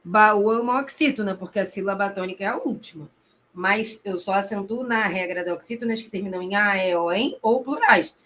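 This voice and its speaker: A woman Portuguese teacher giving a recorded exam-prep grammar lesson, speaking directly to the student, asking herself rhetorical questions and drawing out key terms slowly for emphasis. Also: medium pitch, fairly bright tone, a little hiss or hum.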